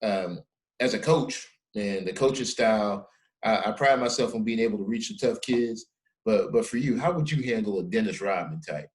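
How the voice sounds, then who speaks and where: A man's voice: on the low side, moderate pace, low-quality recording. A middle-aged man hosting a podcast, chatting casually and emphatically with his guest, often tossing in "man". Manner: emphatic, peppers speech with "man". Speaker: podcast host. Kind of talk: casual interview chat.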